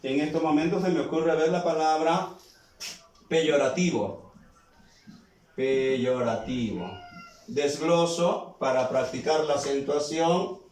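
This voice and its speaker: A man with a Peruvian Spanish accent teaching a spelling lesson at a very slow, deliberate pace, stretching out each example word. He asks questions and then answers them himself. His fairly high voice bounces around a very echoey room, some distance from the mic. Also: darkish tone. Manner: slow, drawn-out words, plays both the question and the answer. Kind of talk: spelling lesson, talking to students.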